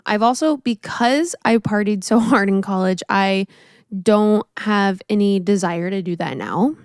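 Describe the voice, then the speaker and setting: Woman in her twenties, podcast co-host, casual chat, smooth clear voice, dry close sound. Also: medium pitch, a little slow, no room sound. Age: 20s. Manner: relaxed, reflective, many "like" fillers.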